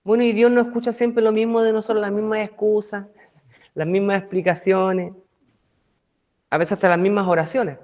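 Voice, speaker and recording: Pastor guy, fairly high voice, chatty bible study sermon, keeps tossing questions at the congregation. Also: flat delivery, normal speed, a little mellow, dull audio. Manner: conversational, asks the congregation rhetorical questions.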